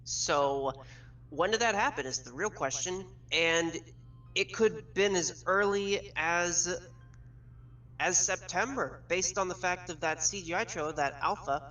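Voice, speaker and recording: A man's voice: high-pitched, measured pace, bright, forceful tone. A man as a guest on a casual gaming chat, explaining his theories step by step in detail. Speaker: guest with leak source. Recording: far from mic, faint music.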